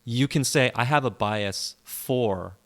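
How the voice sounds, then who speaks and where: Slow and a bit bright, this man's mid-range voice carries a laid-back podcast conversation he co-hosts. English is his first language. He rambles, pushes his opinions, repeats himself, and keeps restarting his sentences.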